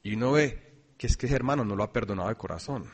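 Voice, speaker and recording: A man preaching a sermon, swinging between loud emphasis and quiet asides. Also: on the low side, fast talker. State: dry throat, coughing.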